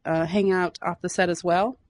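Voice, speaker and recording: A woman with a lowish voice asks an actor friendly, eager questions. The sound is close and dry. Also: fairly even intonation, normal speed, a little mellow, no room sound. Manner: chatty, enthusiastic fan questions. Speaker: interviewer. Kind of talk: casual interview chat.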